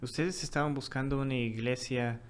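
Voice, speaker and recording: A man's voice: mid-range voice, steady tone, moderate pace. A man hosting a casual interview who asks short clarifying questions and gives brief affirmations. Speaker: host.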